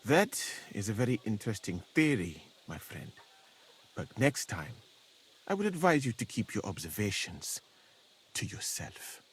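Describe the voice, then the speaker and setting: A man voicing a calm, learned foreign physician in a game, speaking in a formal, measured and dryly ironic way. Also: lowish voice, breathy edge, exaggerated voice.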